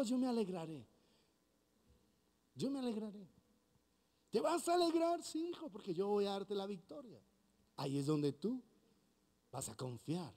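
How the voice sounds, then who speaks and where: Colombian male pastor, high lively voice, animated sermon delivery. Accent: Colombian Spanish. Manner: animated preaching, acting out dialogue.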